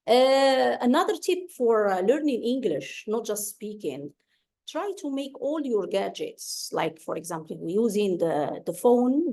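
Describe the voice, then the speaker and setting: A woman's voice: on the high side, dark tone. A woman whose first language is Arabic, giving English-speaking tips to students over a video call, hesitant with many fillers and restarts.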